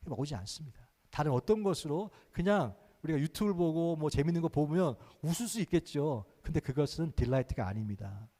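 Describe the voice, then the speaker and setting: A male pastor preaching a sermon, acting out prayers and rising to fervent loud prayer. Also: a little high, expressive, quick pace, in a large hall. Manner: earnest preaching, acts out prayers and Jesus speaking. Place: church sanctuary.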